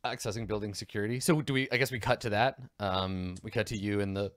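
A man running a tabletop role-playing game as game master, rambling through his scene with lots of fillers and restarts. His voice sits low, and the recording is dry and close. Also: fairly even intonation, quick pace, fairly bright tone, no echo.

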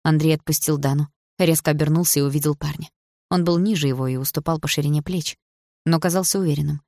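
A low-voiced woman narrating a novel in an even, measured reading. Her voice is close and dry, with no room sound around it. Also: no room sound. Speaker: audiobook narrator. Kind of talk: scripted narration.

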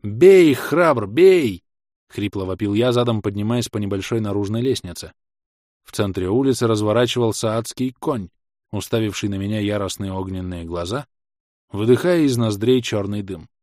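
A man reading first-person fantasy action in a brisk, vivid audiobook style. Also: on the low side, a little mellow, dry recording, clean studio sound. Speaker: audiobook narrator.

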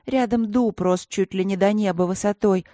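Lady doing a rowdy tipsy dwarf girl, high and loud, slurry, dry close sound. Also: normal speed, no echo, close to an everyday voice. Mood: brash, tipsy. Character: young female dwarf mage, brash and tipsy.

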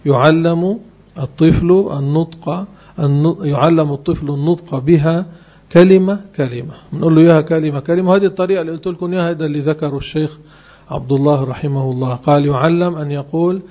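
A man giving a religious lesson. He speaks emphatically and slows down to spell out phrases word by word. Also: on the high side, dark tone, lo-fi sound. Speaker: religious teacher.

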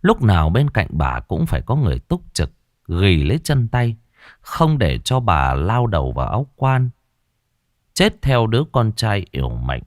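This narrator's lowish, darkish voice is very animated yet moves at normal speed, recorded dry. He reads a scripted ghost story close to the mic, dramatic and mournful in delivery.

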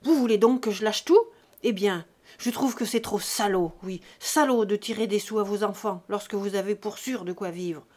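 A woman voicing a furious, greedy grown peasant son who shouts accusations at his aged parents. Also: medium pitch, lively intonation, measured pace, few pauses, slightly rough, exaggerated voice. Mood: raging.

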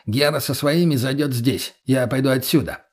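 Army colonel voiced by a man, gruff, curt, commanding, husky, audiobook. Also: medium pitch, normal speed, lightly acted. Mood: briefing.

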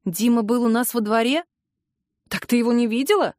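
A woman's voice: fairly high pitch, brisk, darkish tone, no echo, natural voice. Woman doing a teasing offhand brother, laid-back, dry close audio. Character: teasing younger-adult brother, blunt and easygoing.

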